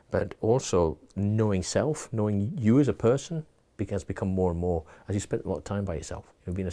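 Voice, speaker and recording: A man's voice: low-pitched, dark tone. A middle-aged man, a college leader giving thoughtful advice in a casual interview, often restarting and repeating words. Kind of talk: reflective casual conversation.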